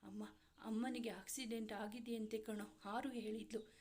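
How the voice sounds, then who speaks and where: A woman's voice: a little high, fairly even intonation, normal speed, darkish tone, close to an everyday voice. A woman reading aloud, voicing an anxious young man who speaks in urgent, pleading questions. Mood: distressed.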